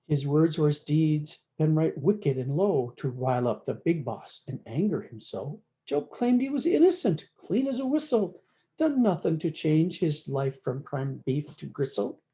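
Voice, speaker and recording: A woman storyteller reads a rhyming picture book written in cowboy dialect, folksy in manner and drawing out words for emphasis. Her voice sits low and sounds mellow, very animated and a little slow, with the highs cut off.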